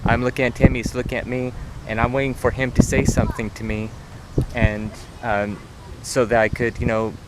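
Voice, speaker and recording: A man's voice: medium pitch, level tone, moderate pace, background noise. A young man earnestly retelling a story while walking through an outdoor park, with many restarts and repetitions. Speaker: vlogger. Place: outdoor park near traffic.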